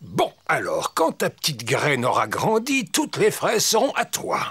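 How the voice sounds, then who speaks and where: Husky old Papy Pig. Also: male voice, on the high side, huge pitch swings, measured pace, a bit bright, heavily acted. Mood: kindly, helpful. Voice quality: gruff, husky. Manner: jolly, indulgent. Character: kindly chuckling old grandpa pig, patient and jolly. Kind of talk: children's cartoon dialogue.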